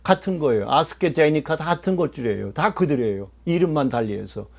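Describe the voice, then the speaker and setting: A man's voice: on the high side, lively intonation, quick pace, vocal fry. A man giving a political lecture, speaking emphatically, putting questions to his listeners and mixing in English phrases. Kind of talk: political lecture to a small audience.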